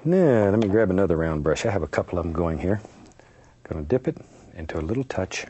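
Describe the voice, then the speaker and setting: A man teaching painting as he works, talking in a gentle, soothing, folksy and encouraging way, like a kindly instructor. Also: deep voice, big pitch swings, fast talker, highs cut off, a little hiss or hum. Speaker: painting instructor and show host. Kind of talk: unscripted painting demonstration, talking while working.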